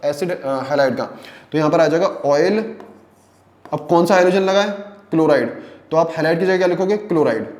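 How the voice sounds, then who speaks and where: A man with a high, darkish voice teaches chemistry in a reverberant space, answering his own questions and repeating key terms. He blends English terminology into his Hindi.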